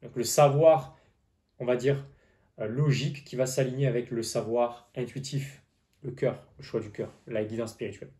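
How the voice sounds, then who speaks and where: A man's voice: medium pitch, fairly even intonation, moderate pace, warm tone. A man giving an informal tarot forecast straight to the viewer, explaining hesitantly with repeated phrases and a slight lisp on his s sounds. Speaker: tarot card reader.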